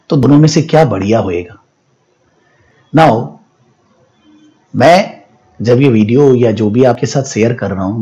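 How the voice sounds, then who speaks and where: A man explaining to students, moving between Hindi and English phrases in a steady teaching tone. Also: lowish voice, muffled recording. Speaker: education academy founder and teacher.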